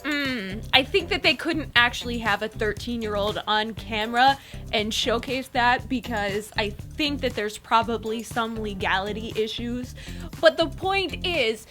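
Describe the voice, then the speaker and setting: A woman with a high, bright voice talks through the news as a co-host. Her delivery is informal and explanatory, like a casual discussion, with faint music underneath. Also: measured pace. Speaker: co-host of a Korean pop culture news show.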